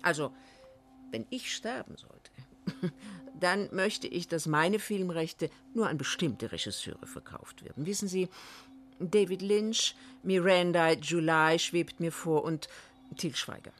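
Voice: mid-range voice, takes it slowly, a bit bright. A performer in a radio play voicing an ironic commentator who speaks straight to the listeners in a mock-solemn manner.

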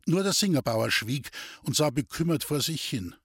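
A man narrating a story in a calm, measured reading style. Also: fairly high pitch, husky, dry recording, clean studio sound. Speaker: audiobook narrator. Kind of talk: scripted narration.

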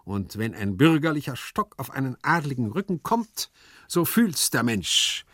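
A man voicing a calm, philosophizing male servant with a preachy, mock-solemn manner in a literary reading. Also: medium pitch, a little slow, no room sound, pitched above the performer's own voice. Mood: sententious. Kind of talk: literary reading with acted voices.

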